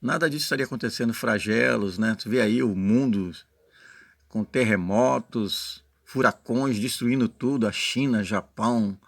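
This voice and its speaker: A man's voice: medium pitch, moderate pace, gravelly, no echo. A man with a Brazilian Portuguese accent giving an informal sermon in an earnest, explanatory way, sometimes reading passages aloud and often adding short check-in tags to his listeners. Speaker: lay preacher.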